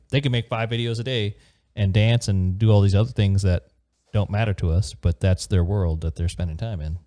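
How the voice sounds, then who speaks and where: A man co-hosting a podcast, explaining his view calmly in casual conversation. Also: on the low side.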